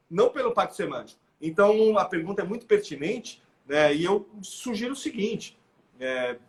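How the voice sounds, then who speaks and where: In a live interview, a middle-aged Brazilian Portuguese-accented guest expert explains his views animatedly. His voice is high, and his talk is full of restarts and "né?" tags.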